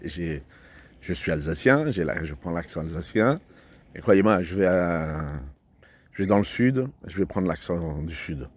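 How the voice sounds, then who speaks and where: Middle-aged man, very deep and slow, halting casual vlog chat outdoors, lots of ums and restarts. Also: darkish tone, a little hiss or hum. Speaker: vlogger. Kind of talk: casual rambling vlog talk. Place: outdoors by a road.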